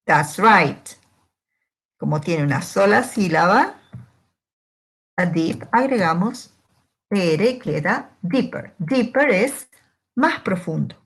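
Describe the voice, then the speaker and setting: Slow, patient woman teaching English grammar. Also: fairly low pitch, lively intonation, breathy edge. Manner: patient, asks questions and answers them herself. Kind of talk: slow, step-by-step grammar lesson.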